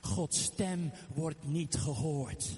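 A male preacher delivers a fervent, emphatic sermon and scatters amens and hallelujahs through it. His voice sits high for a man. A long reverb trails behind him, as in a big hall. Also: lively intonation, very slow, dark tone, faint music behind.

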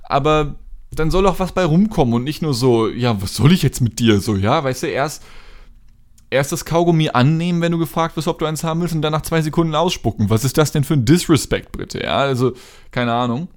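A man's voice: fairly high pitch, brisk. A man from Hamburg, hosting a podcast, tells a comic anecdote in a rambling, digressive and self-mocking way. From Hamburg, Germany. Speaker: podcast host. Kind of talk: comedic anecdote storytelling.

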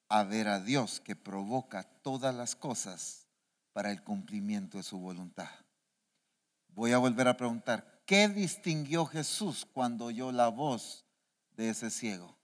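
A man preaching a sermon as an apostle, animated and questioning the congregation again and again. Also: medium pitch. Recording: reverberant church hall.

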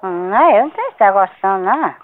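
A woman heard over a landline phone, taking a prank call and answering in fast, annoyed bursts that turn to cursing. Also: mid-range voice, sing-song, phone-quality sound.

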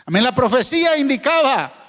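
Male pastor, high and very animated pitch, dramatic loud-soft preaching, church hall with a long reverb tail. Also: brisk. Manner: animated preaching, swinging from hushed asides to raised cries. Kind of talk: sermon.

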